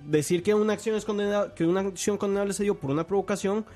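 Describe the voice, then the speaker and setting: High-voiced man ranting angrily. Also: a little mellow, faint music behind. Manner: angry, swearing, rapid bursts. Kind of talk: heated rant.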